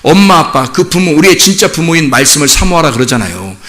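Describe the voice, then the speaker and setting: Male pastor, middle-aged, lively sermon delivery with a fairly high, bright voice; poses questions to the congregation. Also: fast. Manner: animated storytelling, acts out children's voices in high pitch.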